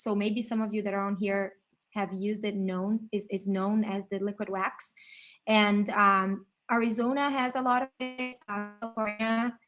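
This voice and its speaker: A woman's voice: medium pitch, fairly bright tone. A woman from Brazil, explaining skin oils in a casual livestream chat, full of fillers and restarts. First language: Portuguese.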